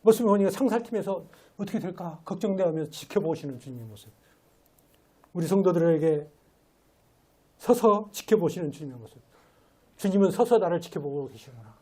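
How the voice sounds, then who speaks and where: A man's voice: high-pitched, lively intonation, brisk, long pauses, a little mellow, slightly rough. A man giving a sermon as a lay preacher in a church, talking in a conversational way and asking rhetorical questions. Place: church sanctuary.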